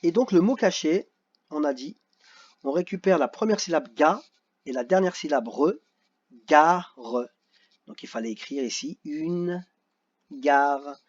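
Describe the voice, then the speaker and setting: A male teacher works through a children's worksheet in a slow, lively voice that rises and falls a great deal. He sounds out each syllable with patience. The audio is dull and lo-fi. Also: on the high side.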